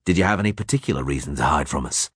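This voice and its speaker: A man's voice: rumbling low, animated, very fast, slightly rough, no room sound, studio quality, pitched below the performer's own voice, full character voice. A man voicing a hardened male monster hunter who talks in terse, clipped commands. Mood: stern.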